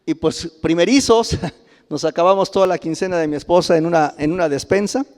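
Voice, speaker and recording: Mexican spanish pastor guy preaching, kinda high voice, chuckles a lot, long echo from the church hall. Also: a little fast. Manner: animated, chuckles often, rises to loud exclamations. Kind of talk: sermon with personal storytelling. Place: church sanctuary.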